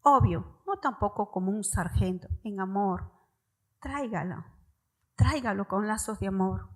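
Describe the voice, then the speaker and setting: A woman's voice: mid-range voice, unhurried, poor audio. Emphatic woman preaching to parents. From Peru. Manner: direct, emphatic address to parents, stressing key words. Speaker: church preacher. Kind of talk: sermon. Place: church service.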